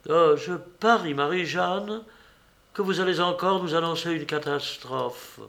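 A man voicing a gentle young woman, a detective's daughter, who speaks softly and hesitantly. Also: mid-range voice, unhurried, gravelly. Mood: teasing. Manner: soft, hesitant, sorrowful. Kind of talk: audiobook character reading.

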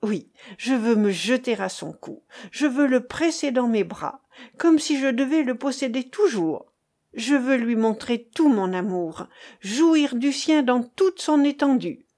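A woman's voice: fairly high pitch, lively intonation, a little slow, darkish tone. A woman voicing a passionate, defiant young woman in love, reading an audiobook in an impassioned, pleading way. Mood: rapturous.

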